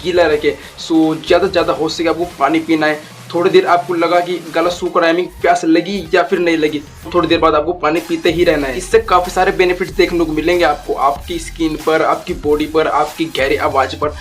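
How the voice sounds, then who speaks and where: A young man casually explaining voice training tips as a YouTube tutor, repeating points and mixing in English phrases. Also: fairly high pitch. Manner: instructive, repetitive, mixes English phrases. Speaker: voice coach YouTuber.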